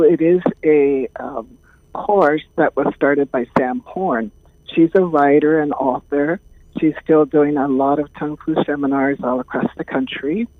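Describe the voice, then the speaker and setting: A woman, speaking as an interview guest in a calm, thoughtful way with many pauses. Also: low-pitched, no echo. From Hawaii. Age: 70s. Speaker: guest, caregiving trainer. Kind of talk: casual interview talk. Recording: tinny phone line.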